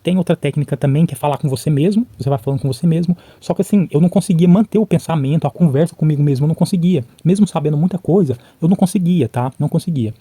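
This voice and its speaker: A man's voice: a little high, racing, hardly any pauses, dark tone, breathy edge, no echo. A Brazilian man talking casually to camera, sharing his own story and checking in with the viewer often. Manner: chatty, frequent "tá?" and "né?" check-ins; replays conversations by imitating both sides. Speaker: vlogger. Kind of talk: casual talk to camera about learning English.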